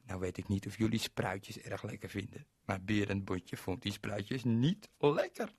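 A man spinning a bedtime-style tale for kids, talking straight to his young listeners in a playful way. His voice is a bit husky, and his pitch rises and falls with lively swings. The sound is dry and close. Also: a little slow, dry recording. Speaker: children's radio storyteller. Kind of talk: storytelling for children.

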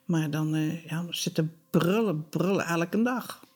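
A woman's voice: deep voice, a little slow, a little mellow, breathy edge. An older woman, a widow, talking plainly and wistfully in a candid documentary interview, sometimes dropping almost to a whisper. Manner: plain-spoken, wistful, drops to a near-whisper at times.

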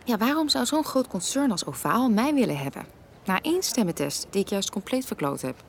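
A woman in her thirties, a mother, speaking in film dialogue in a lively manner that turns indignant easily. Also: medium pitch, creaky, a little hiss or hum. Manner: lively, quick to get indignant. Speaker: mother and voice actress.

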